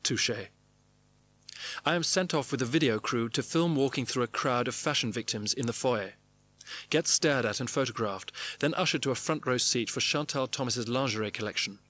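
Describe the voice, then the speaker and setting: A man's voice: medium pitch, brisk, bright, forceful tone. A man narrating his own diary entries in clipped, wry phrases. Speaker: narrator reading his diaries. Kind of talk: scripted memoir narration.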